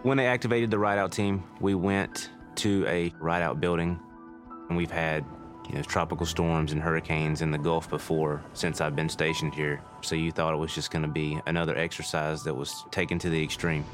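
A man's voice: rumbling low, flat delivery, moderate pace. A man in military service recounting his experience in a documentary interview. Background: music.

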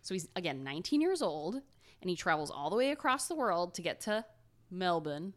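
A woman's voice: fairly low pitch, sing-song, fairly quick. A young woman co-hosting a casual podcast, telling a story in a rambling, giggly way with chatty asides.

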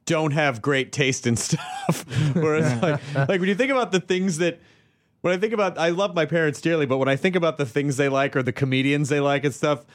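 A man hosting a podcast, talking in an animated, joking way. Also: fairly high pitch, brisk. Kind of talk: casual podcast conversation.

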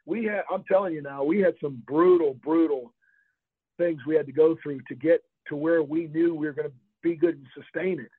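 A man's voice: fairly high pitch, moderate pace, husky, no echo. An older man from Florida, a former college football player, telling rambling anecdotes in an interview and laughing often. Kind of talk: interview storytelling. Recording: tinny phone-line sound, dry.

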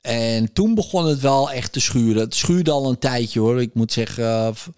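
A man in his forties tells candidly of his past addiction, halting and full of fillers. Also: medium pitch, animated, darkish tone, smooth, dry recording, clean studio sound. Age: 40s. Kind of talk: personal story about recovering from addiction.

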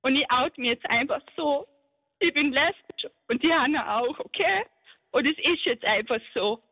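A woman's voice: sits high, expressive, moderate pace, pushed and bright, no room sound, low-quality recording. A woman calling a radio show, crying and upset as she protests. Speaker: caller. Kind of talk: emotional call to a radio show.

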